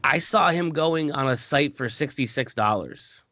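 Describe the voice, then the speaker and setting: A man's voice: fairly high pitch, lively intonation, a little slow, pushed and bright. A man co-hosting a podcast, chatting casually about a tabletop game and rambling with frequent self-corrections. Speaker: podcast co-host.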